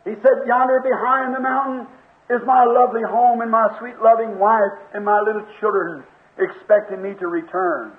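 A man preaching a sermon, telling a story with slow, dramatic emphasis. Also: sits high, steady tone. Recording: tinny, echoey old recording.

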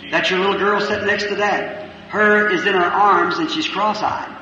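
A man preaching at a healing revival, slowly and emphatically questioning people in the audience. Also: high voice, fairly even intonation, sharp tone. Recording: old echoey hall recording, muffled, from far off, music behind.

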